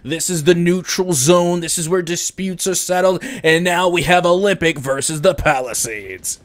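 Energetic male esports co-caster. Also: high voice, normal speed. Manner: energetic, hypes big plays. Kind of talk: play-by-play commentary.

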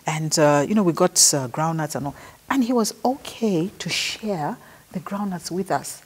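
A woman's voice: on the low side, expressive, moderate pace, slightly rough. A middle-aged woman with a Zambian accent, recalling a trip in a chatty, anecdotal way and acting out what people said. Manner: chatty storyteller who acts out quoted dialogue. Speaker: interviewee paying tribute. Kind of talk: casual anecdotal recollection.

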